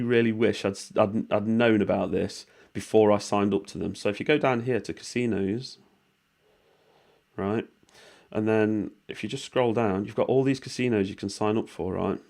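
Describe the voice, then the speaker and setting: A British vlogger explaining money-making offers talks over a screen recording in a low, darkish voice made hoarse and worn by a cold. He rambles informally, with plenty of ums and the odd swear word.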